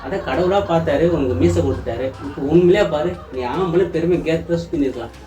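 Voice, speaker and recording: A man's voice: on the high side, fast talker, mellow, echoey room, distant mic, a little hiss or hum. A man acting out a husband in a comedy sketch, coaxing and teasing his tearful wife. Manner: sweet-talking, coaxing, teasing. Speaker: comic actor playing a husband.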